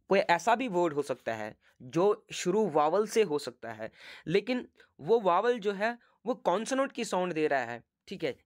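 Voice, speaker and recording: A man from Jammu and Kashmir gives an exam-prep grammar lesson in a somewhat high voice. He talks his students through each rule and keeps checking that they are following. He asks questions and answers them himself, and slows right down when he reads a rule aloud. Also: dry recording, studio quality. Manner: explanatory, repeats checks like 'okay', asks rhetorical questions; reads English rules out slowly and deliberately. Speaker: teacher.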